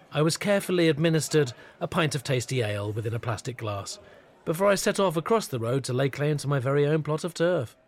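A man giving a scripted comic narration in a deadpan, mock-pompous manner. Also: medium pitch, slight background noise. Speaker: narrator of a comic pub review.

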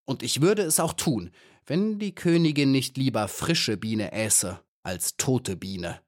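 A man's voice: mid-range voice, lively intonation, slow pace, no room sound, studio quality. Sneering hornet robber, voiced by a man. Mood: mocking. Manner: sneering, falsely sweet, grim. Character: menacing hornet soldier, mockingly friendly. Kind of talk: audiobook character voice.

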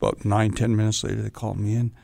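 A man's voice: lowish voice, fast talker, creaky, dry recording, studio quality. A man, an actor and stuntman, telling stories in a casual interview and acting out the voices of the people in them. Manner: animated storyteller acting out quoted voices.

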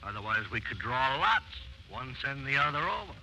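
An actor playing a nervous, wisecracking middle-aged crook in a 1950s radio drama, blustering and stammering, heard on a noisy old radio broadcast. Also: male voice, mid-range voice, sing-song, moderate pace, sharp tone, full character voice. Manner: blustering, jittery, stammers when scared.

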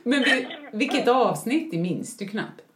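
A chatty, self-mocking woman co-hosting a relaxed podcast, her voice sitting a bit high and swinging lively through her sentences. She laughs easily, and the room around her rings with noticeable echo. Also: a crowd in the background. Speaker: podcast co-host. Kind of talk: casual chat.

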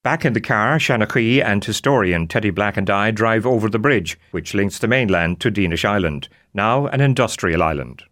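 A man's voice: fairly low pitch, lively intonation, normal speed, few pauses, a bit bright. An Irish man presenting a documentary with scripted narration. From southwest Ireland.

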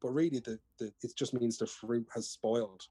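A man's voice: mid-range voice, fairly even intonation, normal speed, warm tone, breathy edge, dry recording, studio quality. A middle-aged Irish man, a storyteller, chatting casually in a reflective, anecdotal way. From Ireland. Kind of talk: casual conversational storytelling and explaining.

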